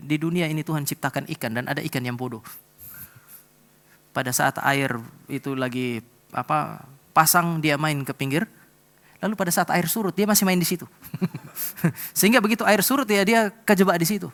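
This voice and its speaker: A middle-aged pastor preaching a sermon in church, telling a personal story and speaking straight to the congregation. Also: male voice, a little high, gravelly, fairly bright tone. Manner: storytelling, addresses congregation directly.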